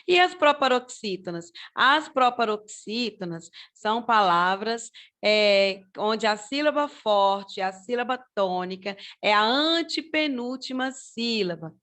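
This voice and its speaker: A woman's voice: fairly high pitch, lively intonation, slow pace, a bit bright. A woman with a Brazilian Portuguese accent teaching a grammar lesson, explaining step by step and checking in with her listeners. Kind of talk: slow, patient grammar lesson.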